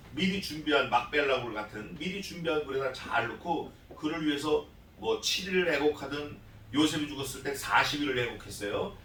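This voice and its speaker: A man preaching an expository sermon as pastor, animated, questioning his congregation and acting out scripture voices. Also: fairly high pitch, reverberant, recorded from a distance, a little hiss or hum, rough recording. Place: church sanctuary.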